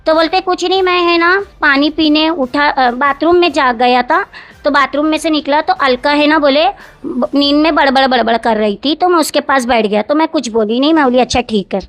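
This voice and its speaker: A woman's voice: sits high, normal speed, a bit bright. A woman, recounting events at length in an interview, often repeating herself and quoting others word for word. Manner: long, rambling, repeats herself, quotes others directly.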